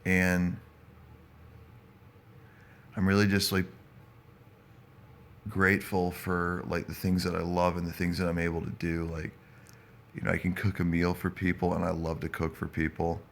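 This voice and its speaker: A man with a very low voice talks casually to his live stream. He sounds stoned, drifting and halting as he rambles along. His delivery stays fairly flat, with a gravelly fry running through it. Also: slight background noise.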